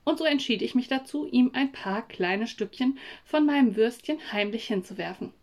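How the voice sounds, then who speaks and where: A woman reads a children's story aloud in a calm, even way. Her voice sits fairly high, and the telling is steady and clear. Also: moderate pace. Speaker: narrator. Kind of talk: storybook reading.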